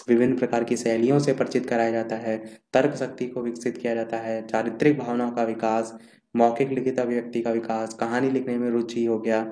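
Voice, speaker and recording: A man's voice: medium pitch, dark tone. A man teaching an exam revision lesson, steadily listing and explaining points one after another while scrolling through notes. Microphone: screen-recorded voice-over. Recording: echoey room.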